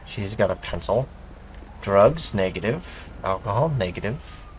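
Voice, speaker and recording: Lively low-voiced man calling police roleplay. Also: a little slow, slight background noise. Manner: animated, swears, narrates his actions aloud. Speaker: police officer player. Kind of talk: in-character police radio calls and casual gaming chat.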